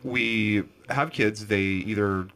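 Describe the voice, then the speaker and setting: A man's voice: lowish voice, fairly even intonation, takes it slowly, bright, forceful tone. A man hosting a local radio interview show, asking questions in a conversational way with small restarts.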